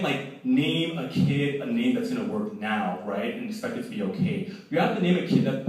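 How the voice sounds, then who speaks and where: Animated young man doing stand-up. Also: mid-range voice. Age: 20s. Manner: animated storytelling, voicing people in quoted lines. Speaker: stand-up comedian. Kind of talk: stand-up comedy set. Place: law school event hall with live audience. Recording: very echoey hall, voice from a distance.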